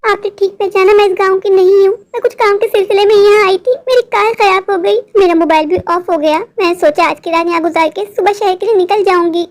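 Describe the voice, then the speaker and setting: A woman voicing a witch who poses as a stranded young woman, coaxing and insistent, in an animated horror story. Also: very high-pitched, brisk, hardly any pauses. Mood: pleading sweetly. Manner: coaxing and insistent, turns menacing.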